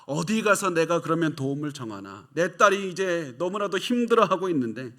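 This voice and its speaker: Guy doing a frantic mom crying out for help, high and strained. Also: big pitch swings, fairly quick, pushed and bright. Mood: desperate. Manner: anguished, crying out. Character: desperate mother begging help for her daughter.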